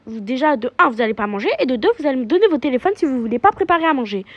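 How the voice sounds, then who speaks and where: A woman's voice: high-pitched, expressive, rapid-fire, highs cut off. A woman doing a strict scolding mom. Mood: stern. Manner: bossy, threatening to take phones. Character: strict scolding mother of two girls. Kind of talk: game role-play voices.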